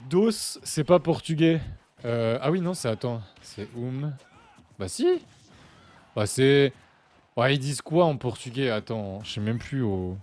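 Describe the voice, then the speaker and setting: Commentating a live fighting-game match on his stream, a young French esports host keeps things chatty, jokes with viewers, and erupts in sudden excitement. He speaks unhurriedly at a medium pitch.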